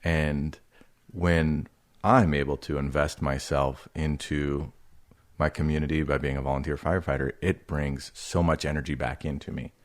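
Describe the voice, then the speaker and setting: Very deep-voiced man hosting a talk. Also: fairly even intonation, normal speed. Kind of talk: casual ministry podcast discussion.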